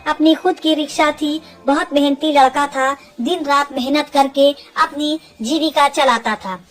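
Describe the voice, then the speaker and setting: A woman's voice: sits high, steady tone, measured pace. A woman narrating an emotional first-person story in an earnest, sorrowful way.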